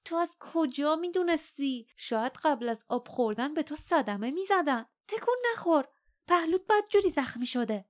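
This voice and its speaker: Woman doing a protective giant creature mom, high and pushy, nagging but caring. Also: creaky. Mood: scolding. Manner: scolding, then earnest and soft. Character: protective mother giant creature, scolding yet gentle. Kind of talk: audiobook character voice.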